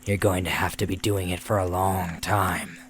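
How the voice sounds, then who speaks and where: A man voicing a taunting male demon with a rough old smoker's voice, in a spoken horror story. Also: sits low, level tone, moderate pace, a little hiss or hum, natural voice. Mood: gloating menace. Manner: taunting, mocking.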